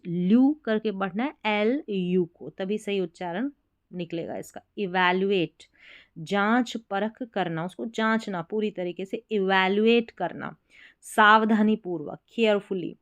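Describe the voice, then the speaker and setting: A woman's voice: medium pitch, no room sound, muffled recording. A woman with a Hindi accent teaching English pronunciation, spelling out words letter by letter and explaining each one patiently. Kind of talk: slow spelling and pronunciation lesson.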